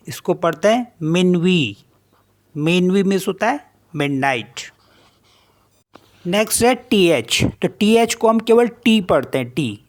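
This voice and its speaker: A language teacher talks slowly and carefully, spelling each word out letter by letter before repeating how it sounds. The voice sits at a middle pitch and keeps an unhurried, deliberate pace. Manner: spells words letter by letter, then repeats the reading; slow, deliberate explanation. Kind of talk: online language lesson.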